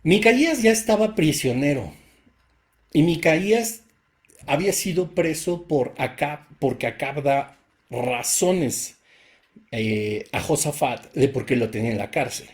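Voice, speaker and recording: A man's voice: a little high, lively intonation, measured pace. A man with a Mexican accent teaching a Bible study, reading verses aloud and explaining them with rhetorical questions in a casual way. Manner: casual, repeats himself and restarts phrases.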